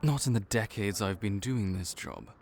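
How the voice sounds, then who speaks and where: Playing a veteran vampire counselor who is calm and bureaucratic after decades on the job, a man speaks on the low side with vocal fry, over a little hiss or hum. The audio roleplay has him measured, clinical and patiently reassuring.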